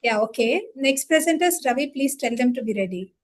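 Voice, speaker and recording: A woman's voice: sits high, expressive, a little fast, a little hiss or hum. A woman speaking as a conference organizer on an online call, instructive and admonishing.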